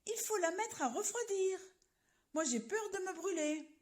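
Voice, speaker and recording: A woman's voice: extremely high pitch, animated, unhurried, darkish tone, pitched above the performer's own voice. A woman voicing a fussy old man in a children's story, fretting that the pancake is too hot. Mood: fretful. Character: fussy old man afraid of getting burned.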